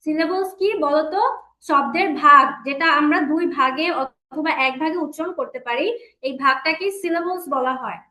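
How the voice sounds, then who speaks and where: High-voiced woman teaching kids online. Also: bright, forceful tone, echoey room. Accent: Bangladeshi Bengali. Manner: patient, explains step by step and repeats words slowly. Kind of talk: teaching grammar to children. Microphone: online class call.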